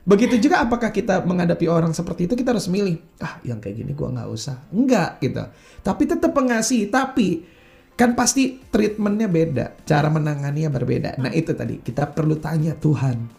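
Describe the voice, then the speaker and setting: A youth pastor preaches earnestly but in a relaxed, chatty way, mixing in slang and acting out everyday complaints. His voice sits high and creaky, and he talks fairly quickly.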